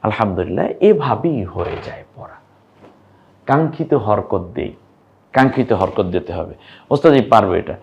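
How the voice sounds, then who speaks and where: A man's voice: lowish voice, animated, vocal fry, darkish tone, highs cut off, a little hiss or hum. Patient male teacher drawing out syllables. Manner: patient, drawn-out syllables, quizzing the viewer. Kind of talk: online lesson on reading Arabic vowel marks.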